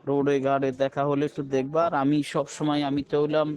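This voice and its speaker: A man's voice: a little high, completely flat delivery, fast talker, darkish tone. A middle-aged man, rambling and pleading in a personal voice message, repeating himself.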